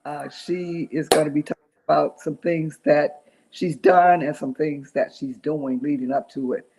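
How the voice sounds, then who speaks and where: A woman hosting an interview, speaking haltingly with many fillers and restarts. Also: sits low, fairly even intonation, creaky, mellow, husky. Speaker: interview host. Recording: dull lo-fi sound.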